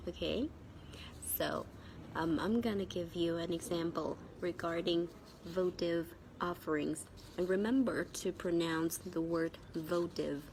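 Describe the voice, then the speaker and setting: Fairly low-pitched and a little mellow, this Vietnamese-accented teacher has a cold and sore throat as she gives a spoken English vocabulary lesson, halting and repeating key words. The recording is rough, with slight background noise.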